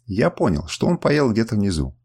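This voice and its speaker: A man reading a first-person audiobook in a dramatic, expressive way. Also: fairly low pitch, normal speed, vocal fry, slightly rough. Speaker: audiobook narrator.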